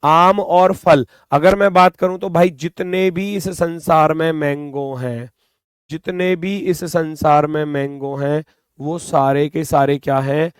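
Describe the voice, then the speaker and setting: A man with a Hindi accent and a slightly high voice delivers an exam-prep reasoning lecture, speaking directly to aspirants in a steady, unhurried tone. He repeats every point in a coaxing, chatty way, calling his students bhai and beta. The sound is clean, close, and dry, with no room around it.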